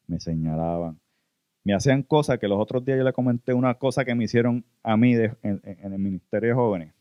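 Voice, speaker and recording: Male preacher, Puerto Rican accent, earnest testimony delivery, low register, dry muffled recording. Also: dry recording. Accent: Puerto Rican Spanish. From Puerto Rico. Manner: earnest, addresses listeners as brothers. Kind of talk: sermon testimony.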